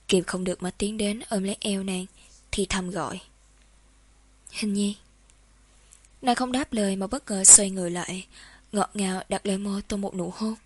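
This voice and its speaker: A woman reading a novel aloud in the first person, in a calm, steady storytelling manner. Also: medium pitch, no echo. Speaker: audiobook narrator.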